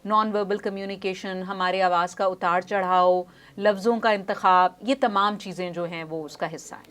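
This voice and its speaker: A woman speech pathologist is a guest in a studio interview. She explains her points patiently through everyday examples and slips English phrases into her talk. Her voice sits at an ordinary middle pitch. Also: steady tone, moderate pace, fairly bright tone. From Pakistan. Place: news studio.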